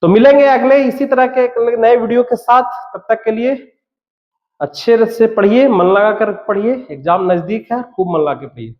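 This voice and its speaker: A man's voice: high-pitched, moderate pace. A man teaching a school maths lesson, walking through a proof step by step, repeating terms and answering his own questions. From Bihar, India. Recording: roomy echo, dull lo-fi sound.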